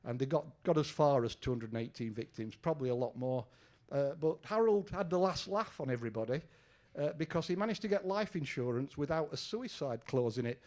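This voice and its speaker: Speaking a little fast with lively intonation, an older man from England delivers a chatty lecture in a lecture room. A former detective with a medium-pitched, darkish voice, he uses fillers and asks his audience questions.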